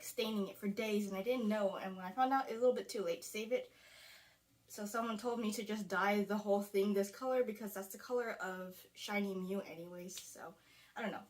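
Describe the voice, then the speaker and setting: Chatty young woman rambling to camera. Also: mid-range voice. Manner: rambling, chatty, frequent "like" fillers. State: sweating, a little out of breath. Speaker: beauty vlogger. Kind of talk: casual talking-to-camera vlog. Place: small closet filming space.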